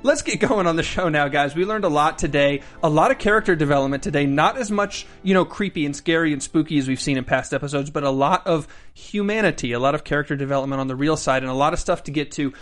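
A man's voice: a little high, fast talker, hardly any pauses, fairly bright tone. A man hosting a casual panel chat in a studio, upbeat and joking. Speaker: host.

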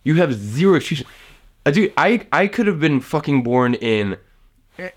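Speaking to the camera at a moderate pace, a young man in his late teens from southern Russia sounds very animated, his voice pitched fairly high. He's a vlogger sharing casual motivational life advice, and his talk rambles, is full of swearing and is heavy with fillers.

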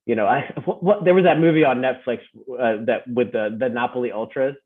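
A man's voice: mid-range voice, a little fast. A man who grew up in the Philippines and the United States, chatting as a podcast guest and often tagging his points with "right?". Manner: rambling, tag questions like "right?". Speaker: podcast guest, fan club founder. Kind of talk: casual interview chat. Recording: tinny phone-like remote line.

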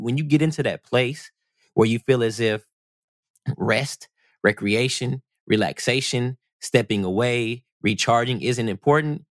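A man's voice: lowish voice, fairly bright tone, no room sound, studio quality. A man co-hosting a podcast as a life coach, talking earnestly and acting out quoted voices. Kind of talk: casual chat.

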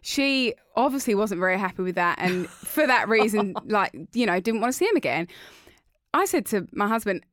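A woman's voice: mid-range voice, animated, normal speed, a bit bright, dry recording, clean studio sound. A woman co-hosting a casual discussion, giving her opinions in an informal, chatty way. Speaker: podcast co-host.

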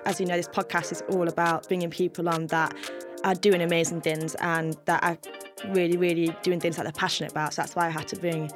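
A woman's voice: fairly low pitch, flat delivery, brisk, over music. Enthusiastic young woman hosting a podcast. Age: 20s. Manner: enthusiastic, gushing, encouraging. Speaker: podcast host. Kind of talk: casual interview chat.

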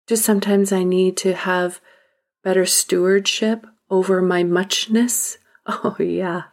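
A woman hosting a podcast, speaking a reflective monologue in a deliberate, emphatic way that sometimes drops to a whisper. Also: medium pitch, vocal fry, a little mellow. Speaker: podcast host.

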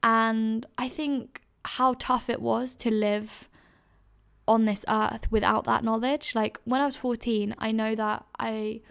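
A young woman in her twenties chats through listener advice on her podcast. She talks in a loose, rambling way, packed with fillers, and her voice often drops into fry. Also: on the high side, little pitch movement, takes it slowly, fairly bright tone. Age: 20s. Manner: chatty, many fillers and self-corrections. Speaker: podcast host. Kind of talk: casual advice chat.

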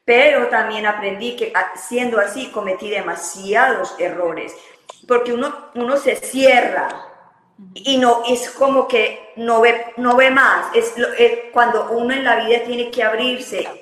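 A woman's voice: fairly high pitch, unhurried, fairly bright tone, echoey room, low-quality recording. A woman hosting a podcast, speaking candidly and reflectively in casual conversation, often repeating words as she gathers her thoughts. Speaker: podcast host.

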